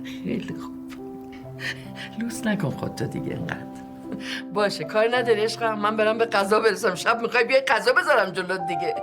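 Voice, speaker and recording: A woman's voice: high voice, big pitch swings, pauses often. A woman playing a melodramatic mother who scolds her husband over the phone in a comedy sketch. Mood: softened, coaxing. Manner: nagging, melodramatic. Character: scolding, fussy housewife on the phone. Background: background music.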